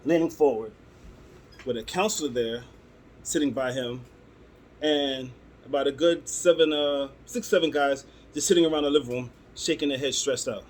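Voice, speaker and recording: A man's voice: mid-range voice, normal speed, a little hiss or hum. A man, telling personal stories to camera in a loose, rambling way with many "um"s. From Brooklyn, New York. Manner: loose, rambling delivery with frequent "um"s and restarts. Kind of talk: casual storytelling to camera.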